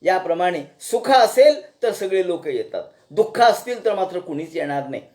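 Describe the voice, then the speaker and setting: High-voiced man telling scripture stories. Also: very animated, normal speed, darkish tone. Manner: folksy, rhetorical questions, chants verses. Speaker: scripture storyteller. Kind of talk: devotional discourse.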